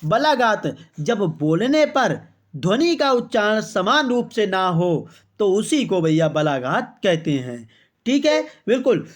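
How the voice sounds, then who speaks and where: A chatty online teacher running a quiz-style exam-prep lesson. The voice reads each answer option aloud as a rhetorical question, then settles on the right one with a quick "okay, exactly". Viewers are addressed throughout as brother and friends. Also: mid-range voice.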